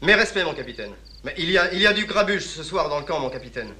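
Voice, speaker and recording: An anxious, officious lieutenant; bright, slightly raised voice. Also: male voice, on the high side, lively intonation, fast talker, slight background noise. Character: nervous male colonial lieutenant, easily flustered. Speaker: army lieutenant. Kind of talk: film drama acting.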